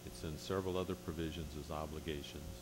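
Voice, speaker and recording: A man giving a formal explanatory report to a board, phrasing things carefully and haltingly. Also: extremely low pitch, steady tone. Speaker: agency official reporting to a board. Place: public board meeting room. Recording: noisy meeting room with hum.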